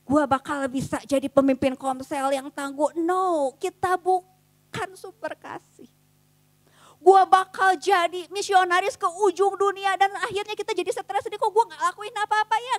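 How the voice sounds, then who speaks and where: Young woman preacher, high voice, dry close sound, casual fervent sermon. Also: dry recording. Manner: casual slangy preaching, swings between soft and fervent. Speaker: youth preacher. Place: church youth service.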